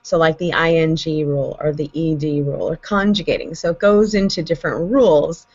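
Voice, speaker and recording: A woman chatting casually on a homeschool panel, explaining things with animated, talkative energy. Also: low voice, a little fast. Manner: chatty, animated when explaining, spells out letters. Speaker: homeschooling parent, panel host. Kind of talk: casual online panel chat. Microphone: video call. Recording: dull lo-fi video call audio.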